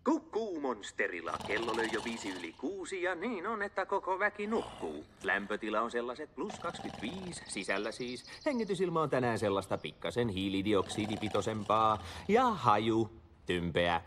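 An actor voicing a morning radio host giving the time and weather. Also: male voice, on the low side, very animated, noisy background. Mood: cheery.

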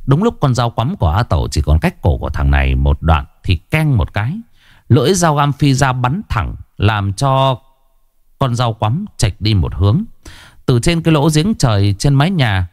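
A man's voice: mid-range voice, darkish tone, dry recording, clean studio sound. A man narrating a story in a vivid, dramatic way.

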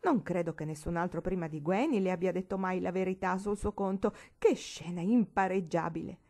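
A woman's voice: on the low side, a little fast, a little mellow. A blunt, good-humored uncle teases in an amused tone, read by a woman. He is a storybook man who enjoys a scandal. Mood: amused teasing. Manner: amused and teasing. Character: jovial, blunt middle-aged uncle.

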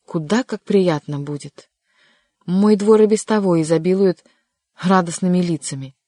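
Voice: mid-range voice, steady tone, moderate pace, dry recording, studio quality, close to an everyday voice. A reader voicing a kindly but insistent older king in an audiobook, coaxing and at times vexed. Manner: warm, coaxing, sometimes vexed. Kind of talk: audiobook character reading.

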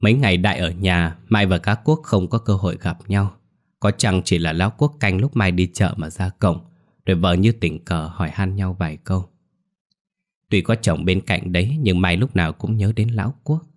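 A man reading a scripted ghost story aloud in a very deep, low voice. His delivery is steady and grave, unhurried from line to line. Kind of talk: scripted horror story narration.

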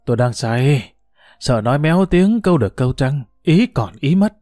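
A man's voice: medium pitch, lively intonation, moderate pace, dark tone, no room sound, studio quality, soft background music, close to an everyday voice. A man voicing a proud, teasing old retired official who talks in a boastful, bureaucratic way. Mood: smug.

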